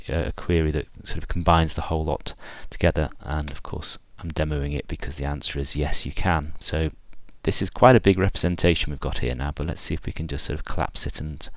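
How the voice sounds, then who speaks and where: A man giving an unscripted screencast walkthrough of software, thinking aloud with frequent fillers and restarts. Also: a bass voice, no echo.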